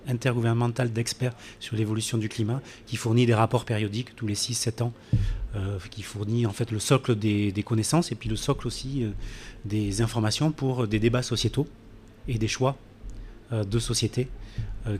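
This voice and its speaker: A man's voice: mid-range voice, darkish tone, a little hiss or hum. A man giving a public science talk in a café event room, hesitant with many fillers and restarts, sometimes drifting off the microphone. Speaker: climate scientist speaker. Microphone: handheld mic, drifting off it.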